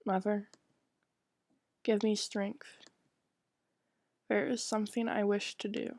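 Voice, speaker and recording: A woman voicing a meek, guilt-ridden, devout young daughter who speaks softly and submissively in a visual novel. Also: medium pitch, level tone, slow, no room sound. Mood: pleading, resolved. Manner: soft, submissive, apologetic.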